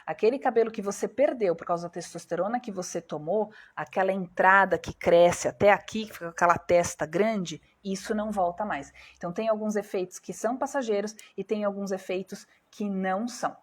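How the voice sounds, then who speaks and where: A woman with a Brazilian Portuguese accent talks through a live stream as a doctor, her voice a little breathy and middle in pitch. She explains patiently and poses questions to her viewers before answering them herself. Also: a little fast, few pauses.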